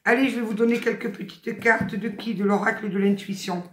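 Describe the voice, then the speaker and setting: A woman's voice: on the high side, steady tone, brisk. Southern french lady in her 50s doing an oracle card reading, chatty, lots of exclaiming, roomy echo. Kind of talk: casual spiritual card reading. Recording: echoey room.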